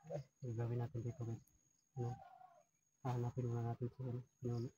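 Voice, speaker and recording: A man chatting quickly with friends on a mountain and talking to viewers. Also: mid-range voice, monotone, muffled recording, noisy background. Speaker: vlogger on a jungle outing. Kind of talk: casual chat among friends. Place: outdoors on a mountain.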